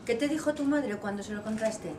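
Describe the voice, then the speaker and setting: A woman's voice: fairly high pitch, a little fast. A woman hosting a stage interview, asking short questions and giving brief prompts. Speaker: interviewer host. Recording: echoey hall, distant mic, audible noise.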